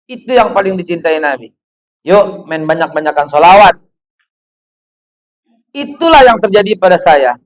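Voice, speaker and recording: Male preacher in his fifties, high voice, lively storyteller who keeps asking questions. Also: moderate pace, long pauses, rough recording. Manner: animated storytelling, rhetorical questions. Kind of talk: sermon to women's gathering.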